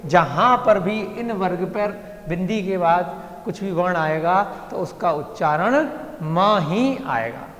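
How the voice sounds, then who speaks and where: A patient male teacher with a fairly high voice, speaking slowly and sounding out syllables one by one. He is recorded in a classroom that rings with a long, roomy reverb. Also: a bit bright. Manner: slow, patient, repeats sounds aloud for drilling. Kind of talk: classroom lecture on script and pronunciation.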